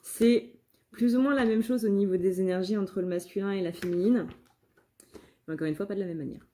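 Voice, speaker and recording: A woman's voice: mid-range voice, a little fast, dark tone. A woman giving a casual channeled tarot reading, hesitant, with many fillers and restarts. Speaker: tarot reader and medium.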